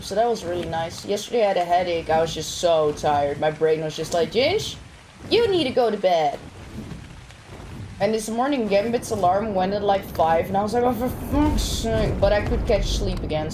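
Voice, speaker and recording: A woman's voice: fairly low pitch, fast talker, hardly any pauses. A young woman streaming a game from home, chatting casually with her viewers and swearing now and then. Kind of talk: casual live-stream chat while gaming. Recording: rain noise behind the voice.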